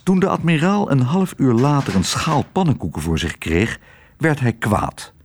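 A man narrating a children's storybook in an expressive way. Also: mid-range voice, moderate pace, a little hiss or hum. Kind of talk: storybook reading.

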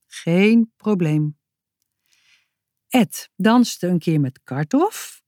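A woman author reading her own children's story aloud, slow and expressive. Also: fairly low pitch, no room sound, studio quality.

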